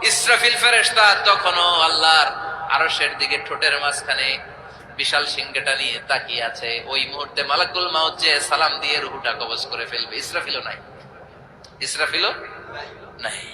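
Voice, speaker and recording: A man preaching a dramatic sermon, swinging from hushed tones to shouts and chanting verses. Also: a little high, normal speed. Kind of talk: dramatic Bengali sermon storytelling. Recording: echoey hall with noise.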